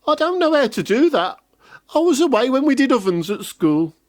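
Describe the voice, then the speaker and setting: A man voicing a scared but clever little girl who talks high, rushed and pleading. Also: very animated. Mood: innocent.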